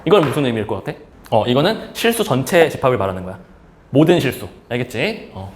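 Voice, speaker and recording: A man's voice: medium pitch, big pitch swings, fast, echoey room, a little hiss or hum. A male math teacher giving a casual lecture, asking questions and then answering them himself. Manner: asks and answers his own questions; casual, speaks in plain everyday talk to students.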